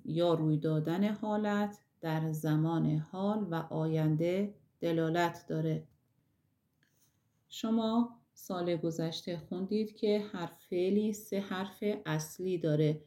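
Woman teacher, slow careful explanation. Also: fairly low pitch, dark tone. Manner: slow, careful explanation that stretches out example words. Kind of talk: recorded classroom lesson.

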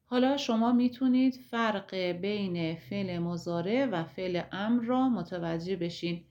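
A woman with a Persian accent, teaching an Arabic grammar lesson slowly and step by step. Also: mid-range voice, darkish tone, dull audio. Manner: slow, deliberate, explaining step by step.

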